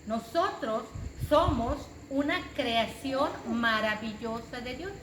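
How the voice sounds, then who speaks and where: A woman's voice: a little high, slow, a bit bright. A woman preacher, giving an emphatic sermon and repeating phrases for stress. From Mexico. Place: church hall. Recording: echoey church room with background noise.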